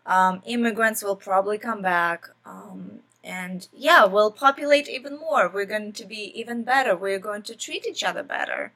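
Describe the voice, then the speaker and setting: A woman's voice: mid-range voice, lively intonation, moderate pace, hardly any pauses, a bit bright. A young woman from Ukraine hosting a podcast, talking earnestly and casually with lots of fillers. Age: young adult. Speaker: podcast host. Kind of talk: casual personal podcast talk.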